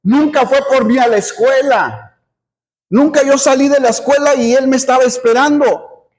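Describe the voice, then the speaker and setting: A middle-aged man preaches from the pulpit in a strikingly high voice. His delivery is earnest, circling back on words and adding an amen as he makes his point. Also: moderate pace, a little mellow. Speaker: pastor. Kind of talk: sermon.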